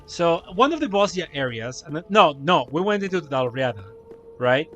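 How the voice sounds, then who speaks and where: A man's voice: fairly high pitch, sing-song, normal speed, a bit bright, soft background music. A young man streaming a game, chatting casually and telling stories with laughter and frequent swearing. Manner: laughing, profane, rambling storytelling. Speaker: gaming streamer. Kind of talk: casual chat while playing.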